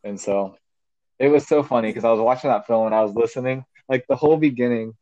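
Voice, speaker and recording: Talking quickly in a mellow, mid-range voice, a teenage boy co-hosts a casual podcast by phone. He rambles loosely, saying "like" constantly, and the call sounds muffled and dry.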